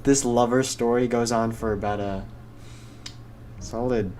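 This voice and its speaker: A man's voice: medium pitch, fairly even intonation, measured pace, darkish tone, faint music behind. A young man co-hosting a casual podcast, easygoing and hesitant with many fillers. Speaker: podcast co-host. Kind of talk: casual chat.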